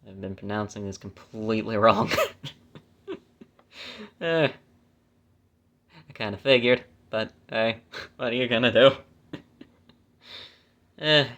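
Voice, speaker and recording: A man's voice: lowish voice, slow pace, long pauses, a bit bright. A man reading scripture aloud and breaking off for chatty, self-mocking asides, correcting his own stumbles. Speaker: Bible reader.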